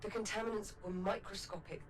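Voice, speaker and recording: A woman playing a steady, resolute space captain in a video game, direct, firm and caring. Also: medium pitch, brisk, a crowd in the background, lightly acted. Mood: grave, firm.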